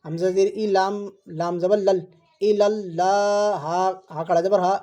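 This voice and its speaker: A Quran reading teacher giving an online lesson, spelling out letters and vowel marks syllable by syllable, repeating words slowly and patiently explaining rules to viewers. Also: mid-range voice, steady tone, mellow, lo-fi sound.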